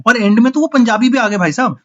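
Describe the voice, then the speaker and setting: A man's voice: very high voice, quick pace, fairly bright tone, highs cut off. A man giving a casual spoken film review, frustrated and ranting, dropping English phrases into his talk.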